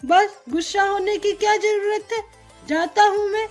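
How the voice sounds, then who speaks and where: A woman's voice: very high voice, fairly even intonation, faint music behind. A woman doing a pesky, pleading monkey. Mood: playful. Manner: pleading, teasing, drawn-out. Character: pesky playful young male monkey.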